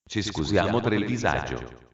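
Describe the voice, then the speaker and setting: Man, flat formal station announcement, segmented phrasing, distant, muffled public address sound. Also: sits low, moderate pace, very noisy. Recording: echoey dull station loudspeaker from afar.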